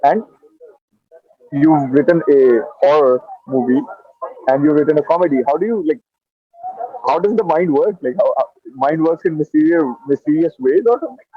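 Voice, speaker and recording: A man hosts a casual interview, teasing his guest with playful questions. His voice sits a little high. The sound is dull and dry, like a lo-fi call recording. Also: normal speed, no echo. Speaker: host, actor.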